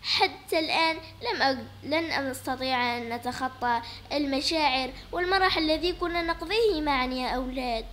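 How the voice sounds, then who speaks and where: A woman voicing a weary widowed father in a doll play, speaking low, soft and pleading. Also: moderate pace, slight background noise. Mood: explaining. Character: strict, weary widowed father, middle-aged man. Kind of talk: toy doll play voice acting.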